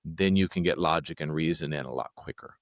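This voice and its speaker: A man speaking as a calm former police hostage negotiator, coaching in a plain-spoken, reassuring, conversational way. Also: extremely low pitch, fairly quick, gravelly, dry recording, clean studio sound. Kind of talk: explanatory conversational coaching talk.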